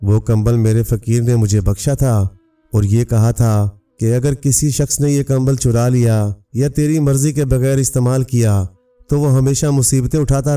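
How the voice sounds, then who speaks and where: A man's voice: mid-range voice, mellow, clean tone, lightly acted. A man voicing a stubborn, solemn poor dervish who defies a king in a storybook tale. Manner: defiant, solemn. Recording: distant mic, faint music.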